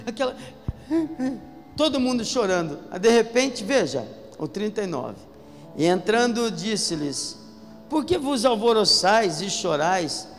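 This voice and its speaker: High-voiced Brazilian pastor in an echoing hall. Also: male voice, very animated, a little slow. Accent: Brazilian Portuguese. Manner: emphatic preaching, calls out to the congregation. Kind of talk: sermon. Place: church hall. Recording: echoey hall with faint music.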